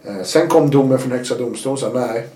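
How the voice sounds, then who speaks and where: Roomy-sounding man telling his story. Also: medium pitch. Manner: animated, acts out quotes. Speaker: guest. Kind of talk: casual storytelling. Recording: roomy echo.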